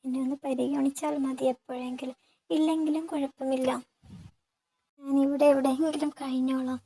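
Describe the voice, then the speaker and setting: A woman voicing a gentle, patient young wife who pleads and sobs. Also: high voice, flat delivery, normal speed, slight background noise, natural voice. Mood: sobbing pleading. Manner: pleading and sobbing.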